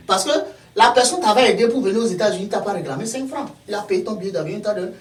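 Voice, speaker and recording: A man's voice: sits high, rapid-fire. A man from Togo with a Togolese accent, a guest explaining ideas through everyday examples in a casual talk. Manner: animated, explains with worked examples. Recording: echoey room, far from mic.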